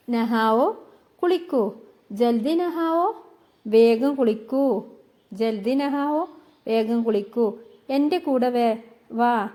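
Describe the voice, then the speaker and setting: Slow, mellow-voiced woman teaching phrases. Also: fairly high pitch. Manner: repeats each phrase slowly, then explains it. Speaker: language teacher. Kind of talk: slow spoken-language lesson.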